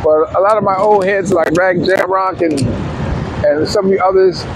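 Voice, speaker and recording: A man casually narrating a road trip as he rides through city streets, slow and meandering with many fillers. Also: high voice, steady tone. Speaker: vlogger. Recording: loud street traffic behind.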